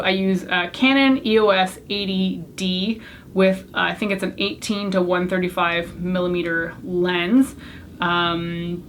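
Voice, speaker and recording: This beauty YouTuber, a young woman whose first language was French, talks to the camera in a casual Q&A tag video, answering questions in a chatty, candid, self-deprecating manner. Her voice is medium-pitched, with slight noise in the background.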